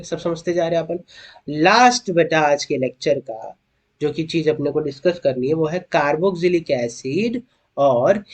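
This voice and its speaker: A young man teaching chemistry in an online lecture, coaxing his students with questions and slowing down to spell out each formula. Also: a little high. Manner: coaxing students with questions, calls them beta. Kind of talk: online lecture, explaining at a board.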